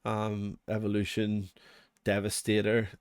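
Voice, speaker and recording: Speaking in a monotone at a measured pace, a low-voiced man from Northern Ireland rambles through an unscripted tutorial for his music production channel. He's chatty and pokes fun at himself, and the studio-quality recording has no room sound.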